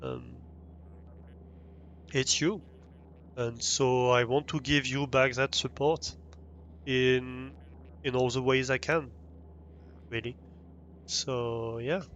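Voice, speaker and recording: A man's voice: mid-range voice, animated, slow, long pauses, a bit bright, muffled recording, slight background noise. A young man with a French accent, streaming a game live and chatting with viewers, hesitant with many fillers and restarts. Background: faint music.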